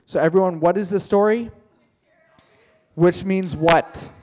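A long classroom echo carries the slow, slightly high, a little mellow voice of a male teacher. He is spinning a playful fictional story for his students, joking along the way and calling on them by name.

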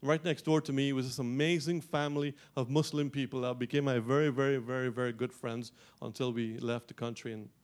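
Middle-aged pastor guy preaching, lively, lots of restarts, ordinary mid pitch. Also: fairly quick, few pauses. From Guyana. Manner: animated preaching with repeated restarts and rising emphasis. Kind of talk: sermon.

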